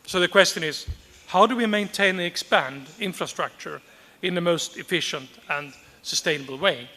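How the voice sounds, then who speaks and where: A man delivering a formal conference address in a fairly high, bright voice. He speaks in a measured, deliberate way, leaning on repeated phrases, and the recording carries a long reverb. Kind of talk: formal prepared speech.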